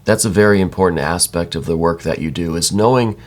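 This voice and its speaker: Deep-voiced man giving a tarot reading. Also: fairly quick. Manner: reassuring, addresses listener directly, frequent check-in tags. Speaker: tarot card reader. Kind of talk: conversational spiritual tarot reading, like a psychic hotline.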